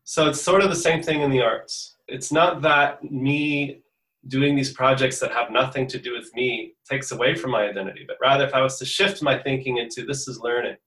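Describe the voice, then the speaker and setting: A man's voice: medium pitch, brisk, fairly bright tone, recorded from a distance. A man born in the US and raised in Portugal, a musician answering interview questions earnestly and thinking aloud as he goes. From born in the US, raised in Portugal from fifteen. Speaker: musician guest. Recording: roomy echo.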